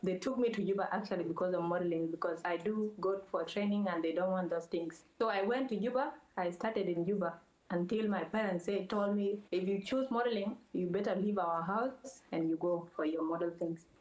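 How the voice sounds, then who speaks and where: A young woman from South Sudan, a model, answering interview questions in plain, earnest, halting phrasing. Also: on the low side, darkish tone. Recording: roomy echo.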